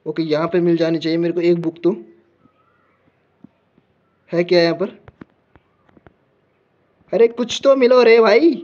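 A man's voice: fairly high pitch, darkish tone, highs cut off. A man commenting as he plays a horror game, jumpy and panicky, talking to himself. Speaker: gamer.

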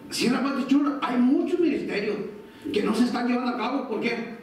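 This pastor's very high-pitched voice has lively intonation and runs a little fast as he preaches conversationally in a church sanctuary. He performs short quoted family exchanges, and the distant mic in the echoey hall adds a little hiss or hum.

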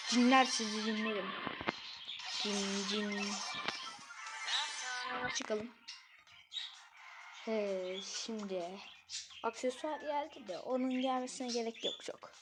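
Woman, gaming commentary, fairly high voice, excitable and quick to get frustrated, clear game music behind her. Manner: excitable, easily frustrated, talks straight to viewers. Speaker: gaming channel host.

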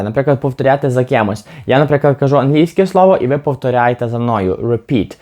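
A man talks viewers through English vocabulary in a patient, explanatory way. His voice sits at an ordinary middle pitch, and he slows down carefully whenever he gives an example sentence. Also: darkish tone. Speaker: English teacher.

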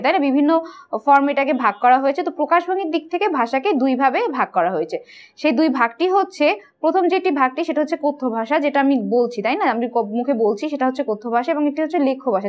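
A woman's voice: high voice, dull audio. A woman teacher patiently explaining quiz answers, asking questions and answering them herself. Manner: patient, asks and answers her own questions.

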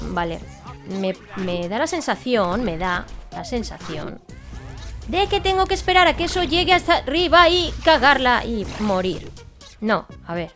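A young woman with a Spain Spanish accent commentates her video game run, shouting, cursing and laughing as she plays. Her voice sits high. Soft music plays faintly under her. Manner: exclaims, swears and laughs while playing. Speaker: gaming YouTuber. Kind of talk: excited gameplay commentary.

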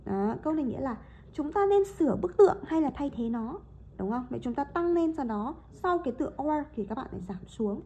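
A woman teacher with a high, mellow voice walks through a lesson step by step. She keeps checking in with her listeners, and she reads example sentences slowly with exaggerated rises and falls. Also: lively intonation, dull audio. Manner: explains step by step and keeps checking with rhetorical questions. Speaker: English teacher. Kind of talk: explaining a lesson.

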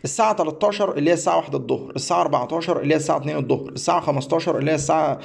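A man's voice: fairly high pitch, rapid-fire, gravelly, breathy edge. A man with an Egyptian Arabic accent, explaining a website step by step in a rambling, repetitive way, often stumbling and restarting. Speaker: astrology teacher. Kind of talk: screen-share tutorial.

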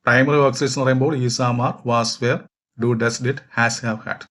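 A man from Kerala, walking through exam questions as a teacher, reading each question slowly and explaining at length with fillers. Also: mid-range voice, steady tone, fairly bright tone, slight background noise. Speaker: English teacher for exam prep. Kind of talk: exam question walkthrough lesson.

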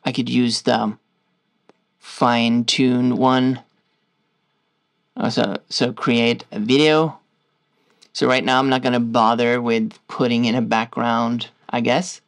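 Gravelly Norwegian-accented man explaining software. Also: mid-range voice, level tone, slow pace, long pauses. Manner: loose, stop-start explaining while clicking through screens. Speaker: tutorial host. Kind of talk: casual software tutorial walkthrough.

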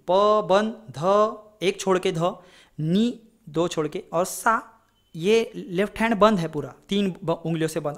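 A man teaching a casual flute lesson, chatty and rambling, often checking in with his students. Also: sits high. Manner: chatty, rambling, digresses into advice; repeats "ठीक है?" to check in. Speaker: music teacher.

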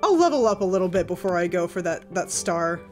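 A woman streamer giving casual, chatty commentary while she plays a game, reacting with quick exclamations. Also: fairly low pitch, very animated, soft background music.

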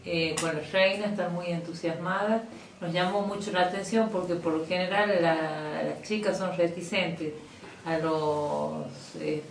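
Chatty Argentine woman in an echoey office. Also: fairly low pitch. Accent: Argentine Spanish. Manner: chatty, many fillers and restarts. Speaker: youth coordinator interviewed about a youth expo. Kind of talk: casual interview. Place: small office indoors. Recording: echoey room, distant mic, faint noise.

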